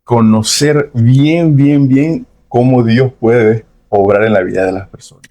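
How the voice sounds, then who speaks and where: Speaking in a mellow mid-range voice, a young adult from Venezuela, with a Venezuelan Spanish accent, gives his testimony on a podcast. He comes across as earnest and reflective, with frequent pauses and hedges.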